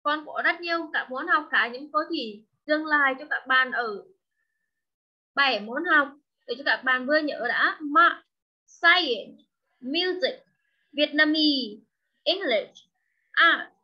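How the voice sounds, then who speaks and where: A woman teaching an online class, drilling words through slow repetition and coaxing questions to her pupils over a video call. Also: sits high. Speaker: English teacher. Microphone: video call microphone. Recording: dull lo-fi online call audio.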